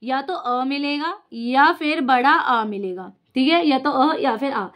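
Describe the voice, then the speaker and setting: A woman's voice: high voice, slow, fairly bright tone. A young woman teaching a lesson as she writes out examples, asking the class a question and then answering it herself. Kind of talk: casual whiteboard lesson.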